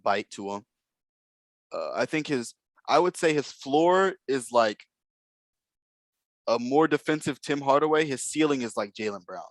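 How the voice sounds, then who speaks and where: On a podcast, this male co-host chats about basketball prospects in a relaxed, analytical style, full of hedges and fillers. His mid-range voice has lively intonation, and he takes his time, pausing often. The sound is dry.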